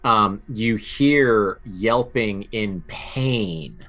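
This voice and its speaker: Slow, low-voiced male game master. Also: fairly bright tone. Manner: halting, lots of ums and restarts. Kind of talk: narrating a tabletop game.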